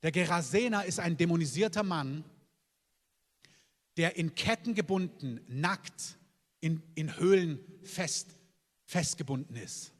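Man, pastor, impassioned sermon, fairly high voice, echoing hall. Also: unhurried, pauses often. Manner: fervent, emphatic preaching with repeated amens.

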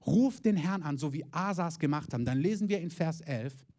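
A man's voice: fairly high pitch, lively intonation, brisk, a little mellow. Man preaching an emphatic sermon. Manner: emphatic preaching with repeated calls of Amen and listed phrases. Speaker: pastor. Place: church in Berlin.

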